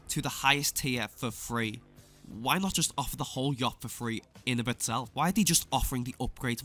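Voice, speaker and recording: A man's voice: mid-range voice, a bit bright. A man delivering scripted opinion commentary as a video essayist, with a sarcastic, scathing exposé tone. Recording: clear music bed under voice. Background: background music.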